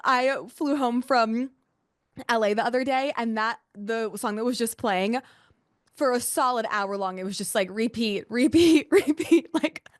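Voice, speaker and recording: A woman hosts a live online workshop as a coach, gushing and chatty with lots of "like" and repeated exclamations, on camera in an indoor video-call session. Her voice is on the high side, fairly bright, and a little slow. The recording is dry with clean studio sound.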